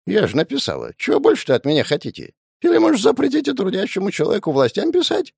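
A cunning, grumbling old woman, put on by a male reader in an audiobook. Her voice is high and gravelly, swooping wildly as she wheedles and bristles. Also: wildly swooping pitch, quick pace, dry recording, clean studio sound, exaggerated voice. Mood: defiant. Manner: wheedling near-whisper, flaring into sharp retorts. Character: suspicious half-deaf old woman, sly and grumbling. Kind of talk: audiobook reading.

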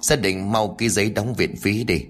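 A brisk doctor gives instructions in a matter-of-fact way, voiced by a male narrator. The voice is low and direct. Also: a bit bright, lightly acted. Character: brisk village hospital doctor.

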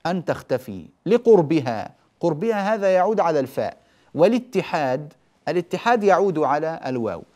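A male teacher explains Quranic recitation rules in a measured, deliberate voice at an average pitch. He stretches out each example slowly and then corrects common mistakes firmly. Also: darkish tone. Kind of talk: televised tajweed lesson.

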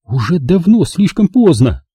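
A man's voice: measured pace, slightly rough, no echo, clean studio sound, exaggerated voice. A man voicing a young woman in shock in an audiobook, her voice lifeless and then near hysteria. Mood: dazed. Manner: flat and lifeless, then shrill and pleading. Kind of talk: audiobook narration.

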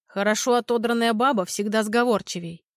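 A man's voice: sits high, fairly quick, fairly bright tone, no echo, studio quality. A woman playing a mocking, leering thug. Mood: mocking menace. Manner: mocking, menacing. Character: wiry, leering male thug, cruel and mocking.

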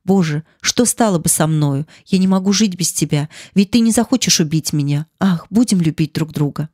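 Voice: medium pitch, normal speed, darkish tone, dry recording, clean studio sound, close to an everyday voice. A narrator voicing a passionate young woman pleading with her lover in an audiobook. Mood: impassioned. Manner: pleading, impassioned. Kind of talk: audiobook character reading.

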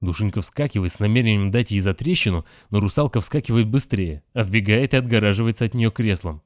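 This is scripted narration from a man with a deep voice, an audiobook reader who keeps a calm, even, measured delivery. The sound is dry and intimate, without any room ambience.

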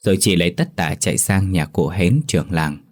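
Man, ghost story narration, very low voice, steady measured delivery.

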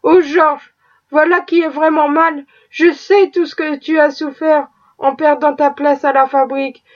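A woman's voice: high voice, level tone, measured pace. A woman reading an audiobook, voicing a loving, anxious young wife in a tender, pleading way. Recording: dull lo-fi recording.

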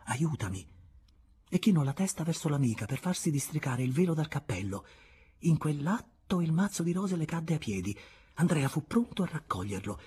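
Un uomo che legge ad alta voce un romanzo classico, con ritmo misurato ed espressivo, a tratti quasi sussurrando. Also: male voice, a little high, a little hiss or hum. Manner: measured, expressive, sometimes dropping to a whisper. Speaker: audiobook reader. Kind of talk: literary audiobook narration.

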